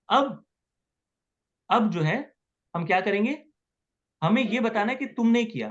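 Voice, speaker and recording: A man's voice: sits high, muffled recording. A man teaching Arabic grammar in an online class, patiently repeating words and asking students questions.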